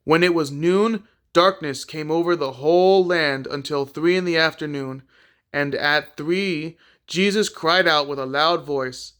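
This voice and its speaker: Man reading scripture aloud, slightly high. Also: a bit bright, clear, resonant tone. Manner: plain, unhurried reading with small slips and repeats. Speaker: scripture reader.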